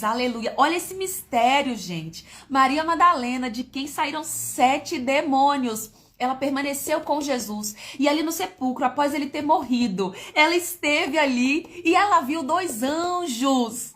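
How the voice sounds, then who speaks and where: A woman with a high voice leads a casual devotional live stream from her apartment. She talks slowly and emotionally, exclaiming over each verse and calling out to viewers by name. Now and then she breaks into slow, drawn-out hymn singing. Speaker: Bible study host on a live stream.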